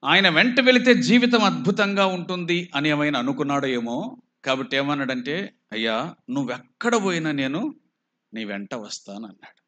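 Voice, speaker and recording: A man with a Telugu accent, preaching a slow, emphatic sermon full of rhetorical questions. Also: a little high, animated, bright, forceful tone, lo-fi sound. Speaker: pastor.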